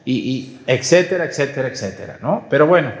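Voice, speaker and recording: A Mexican priest preaches in a conversational way, often tossing questions to the congregation. His mid-pitched voice rings around a large church with a long, trailing reverb. He slips into playful voices when he quotes people. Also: expressive, a little fast. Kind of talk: sermon at Mass.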